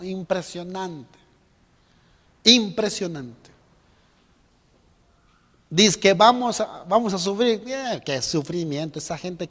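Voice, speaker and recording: A man preaching a sermon as pastor, animated and emphatic, acting out quotes and repeating phrases. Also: sits high. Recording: long reverb of a church hall.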